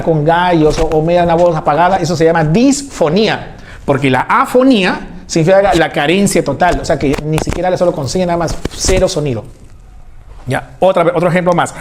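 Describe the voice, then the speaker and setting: A male teacher giving a lecture, animated, asking questions and answering them himself. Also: sits high. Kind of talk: classroom lecture.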